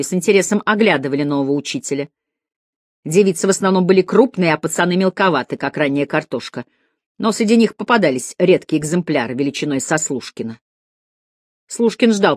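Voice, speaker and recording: A woman reading a story aloud as narrator, with a lively, expressive delivery. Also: fairly low pitch, no echo, studio quality. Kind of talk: audiobook narration.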